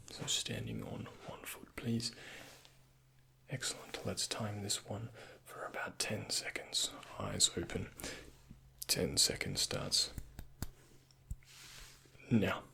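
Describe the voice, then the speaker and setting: Playing a doctor for an ASMR roleplay, a soft-spoken man gives gentle instructions and comfort in a breathy, often half-whispered voice. He's low-pitched and very animated, yet he takes his time.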